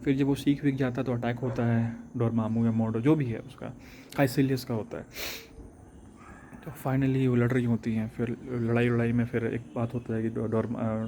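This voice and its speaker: A young man telling a reflective personal story, halting and restarting often, switching between Hindi and English. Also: medium pitch, little pitch movement, mellow, a little hiss or hum.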